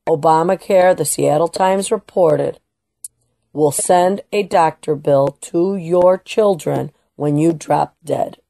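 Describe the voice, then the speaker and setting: A woman hosts a political talk radio show in a low, slow, gravelly and mellow voice, recorded with no echo. Her monologue is emphatic and opinionated, with restarts and Spanish phrases slipped in now and then.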